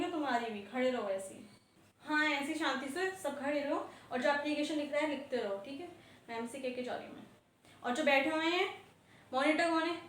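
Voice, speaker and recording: A woman's voice: high voice, fairly bright tone. A woman schoolteacher scolding her class in a stern tone, mixing in English words. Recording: echoey classroom, faint background noise.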